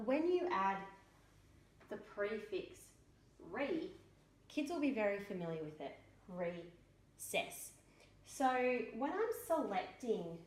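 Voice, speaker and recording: A woman teacher talks through a spelling lesson at an unhurried pace, breaking words into single sounds. Her voice sits at a middle pitch. It rings in a roomy, echoing space. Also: a little hiss or hum. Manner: slow, deliberate, sounds words out letter by letter. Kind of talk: instructional explanation. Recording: echoey room.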